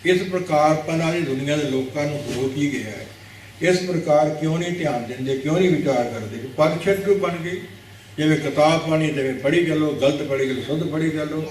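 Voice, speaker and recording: A Sikh preacher giving a religious discourse, teaching didactically, repeating words to correct pronunciation and asking rhetorical questions. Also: male voice, a little high, darkish tone, slight background noise. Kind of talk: religious discourse explaining scripture. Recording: very echoey hall, mic at a distance.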